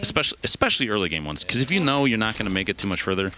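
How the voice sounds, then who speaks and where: A man's voice: fairly low pitch, sing-song, rapid-fire. A man giving live game commentary as a caster, joking and analytical. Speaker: esports caster. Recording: cheering crowd and game gunfire behind.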